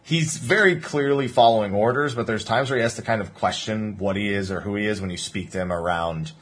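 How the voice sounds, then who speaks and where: Husky man rambling through game lore. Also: fairly low pitch, brisk. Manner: rambling, restarts, lively laughing banter. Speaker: podcast co-host. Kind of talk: casual lore discussion.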